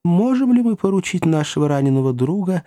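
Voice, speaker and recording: A man voicing a pompous, dignified elderly gentleman speaking formally. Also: high-pitched, sing-song, brisk, dry recording, clean studio sound, voice pushed up. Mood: stately. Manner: stately, formal.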